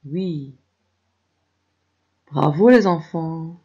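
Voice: mid-range voice, extremely slow, dark tone, husky, highs cut off. A teacher reading out syllables one by one for young children in a lesson. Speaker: primary school teacher. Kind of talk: televised distance-learning lesson.

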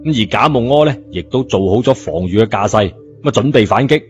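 He talks fast and animatedly, his voice pitched in the middle range. As an audiobook reader with a Cantonese accent, he tells a scripted story in a colloquial way. Music runs underneath his muffled narration.

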